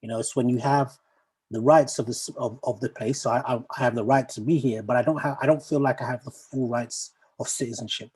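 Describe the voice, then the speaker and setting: Ugandan-born poet guy, warm low-key husky voice, talking over a video call, lots of ums. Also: fairly even intonation, a little fast, rough recording. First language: Luganda. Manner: thoughtful, asks the audience questions, many ums and restarts. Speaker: poet, guest speaker. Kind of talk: reflective talk to an online assembly.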